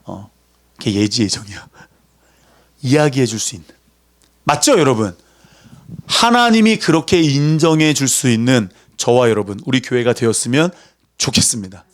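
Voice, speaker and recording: A man preaching a sermon in a lively, conversational way, acting out voices as he goes. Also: mid-range voice, normal speed, long pauses. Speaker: pastor.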